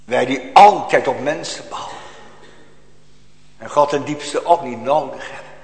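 A man preaching a sermon to a congregation, slow and solemn, rising to emphatic outbursts, recorded in a church. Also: medium pitch, creaky, reverberant, in a large hall, poor audio.

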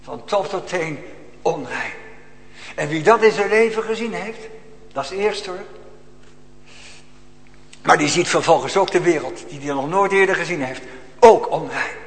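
A man preaching a sermon in a church, swinging from loud exclamations to hushed, almost whispered lines. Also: on the high side, animated, measured pace, long pauses, long reverb tail. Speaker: pastor.

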